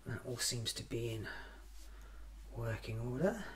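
Slow, musing Doctor, played by a man, lively pitch. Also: a little hiss or hum, close to an everyday voice. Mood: musing, wry. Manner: muttering to himself, halting, deliberate. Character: newly regenerated time-travelling alien doctor, musing, quirky, self-examining. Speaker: ASMR roleplay performer. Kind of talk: soft-spoken ASMR roleplay monologue.

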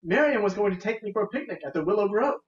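A man's voice: high voice, expressive, very fast, pitched above the performer's own voice. A man voicing a kindly, polite craftswoman in a tabletop game reading, lifted a little above his own voice. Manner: hushed, polite. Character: kindly female craftswoman, stern but warm. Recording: echoey room, distant mic, dull sound.

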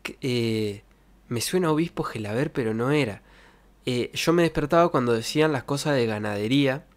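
A young adult streamer speaks at normal speed in a medium-pitched voice, carrying a Santa Fe Argentine accent. He's casually looking back on old times in colloquial, jokey storytelling. His bedroom setup uses a close desk microphone and pop filter.

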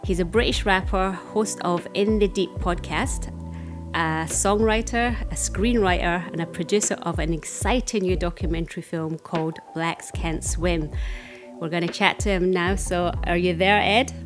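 A woman's voice: on the low side, moderate pace, music in the background. A woman hosting a podcast, introducing her guest in an upbeat way and laughing easily. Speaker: podcast host. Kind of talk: podcast interview. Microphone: headphones with studio mic.

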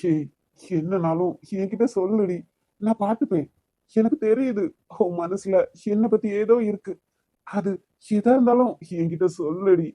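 A man's voice: sits high, mellow, dry recording. A man voicing a hot-tempered young man in a cartoon love story, pleading with the woman he loves, with a Kanyakumari Tamil accent. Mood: tender. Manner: pleading, quick to anger. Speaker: voice actor.

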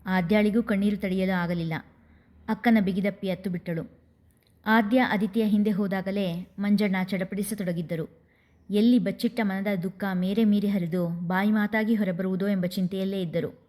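A woman host narrating a serialized story in a gentle, even manner. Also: medium pitch, moderate pace.

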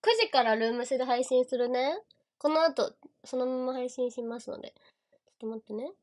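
A young woman with a Kansai accent chats on a close mic in a casual livestream. Her voice sits high and bright. She is bubbly and giggly, and she keeps calling out viewers' names to thank them. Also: moderate pace. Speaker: idol livestream host. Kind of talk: casual livestream chat reading viewer gifts.

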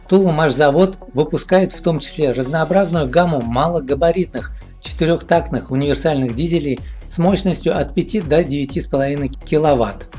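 Man reading a steady voice-over. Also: fairly high pitch. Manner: steady, even read. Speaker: narrator. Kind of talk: scripted documentary narration.

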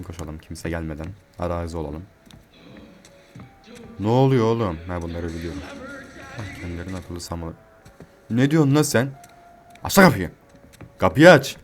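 A man playing a horror game and commenting, joking and swearing, yelling in panic when chased. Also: deep voice. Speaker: gamer.

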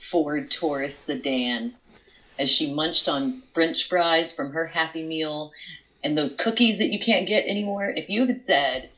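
A woman in her forties co-hosts a casual chat from home over a smart display video call, and the audio is dull and lo-fi. Her deep, fairly bright voice is unhurried and a bit congested from a cold, and she laughs often while drifting into long storytelling asides.

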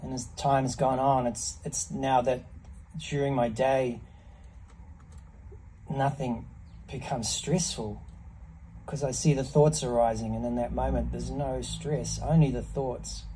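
Middle-aged man, relaxed and contemplative solo reflection, unhurried, short phrases, light ambient noise. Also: mid-range voice, poor audio. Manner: contemplative, measured, with pauses between short phrases. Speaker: ice bath practitioner. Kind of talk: reflective monologue to camera. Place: small block-walled semi-outdoor space, in an ice bath.

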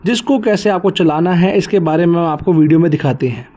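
A man opens and closes the video as the channel host, greeting viewers warmly. His voice sits fairly high but has a mellow, dark tone. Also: fast talker. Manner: welcoming, asks viewers to like and subscribe. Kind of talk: channel intro and outro.

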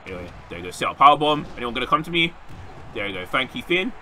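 Young guy doing let's play commentary, super bright voice, bounces all over, bit of hiss behind. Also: mid-range voice, rapid-fire. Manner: animated, reacting loudly with frequent laughs and yelps. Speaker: gaming YouTuber.

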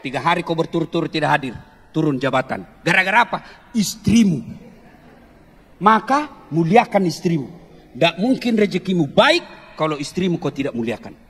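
A man delivers a lively, funny sermon to a crowd, teasing and joking with his listeners before growing earnest. His voice is high-pitched and husky, and a long hall reverb hangs on the recording.

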